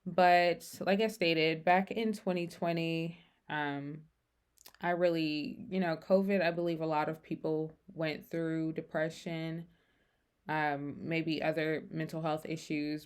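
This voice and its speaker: A young woman vlogger talking casually and candidly without a script, rambling and halting, her speech slightly impeded by braces. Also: deep voice, smooth. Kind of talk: unscripted casual personal talk.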